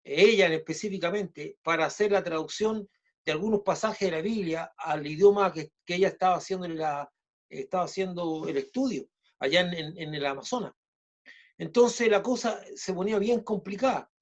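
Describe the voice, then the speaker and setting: A man preaching a sermon, speaking in short halting phrases with many restarts and fillers. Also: sits high, highs cut off. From Chile.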